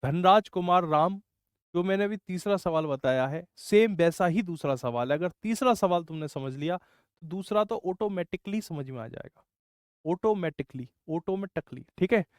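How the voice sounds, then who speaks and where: A man teaches maths in an online class, talking in a high, smooth and clear voice. He walks through each step and scolds students who get stuck. The sound is dry and close, with no echo. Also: lively intonation, normal speed. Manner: scolding, explains step by step, says bhai often.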